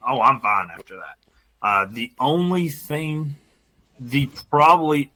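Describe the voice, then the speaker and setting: Bright, lively man telling a story. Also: medium pitch, low-quality recording. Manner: animated, laughing storyteller. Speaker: podcast co-host. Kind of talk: casual chat, storytelling.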